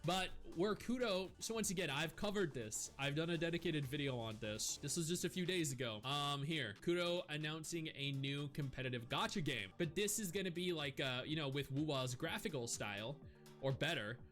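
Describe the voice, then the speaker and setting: Man, gaming news commentary, thinks out loud, lots of fillers, a bit high-pitched, faint music behind. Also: lively intonation, moderate pace. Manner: musing, thinks aloud with fillers, reads lists out. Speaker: gaming video creator.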